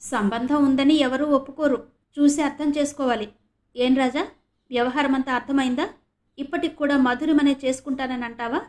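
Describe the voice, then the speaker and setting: A woman reading as a scheming young man with a sneering, needling way of talking, his voice a touch higher than the narrator's own. Heard in an audio novel reading, he lays on the mockery. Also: fairly even intonation, moderate pace, a little mellow, natural voice. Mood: taunting.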